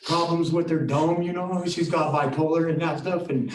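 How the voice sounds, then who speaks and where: A man's voice: on the high side, steady tone, moderate pace. A man appearing as defendant in a virtual court hearing, talking casually with many fillers and eager to explain himself. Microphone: video call. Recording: echoey room, distant from mic.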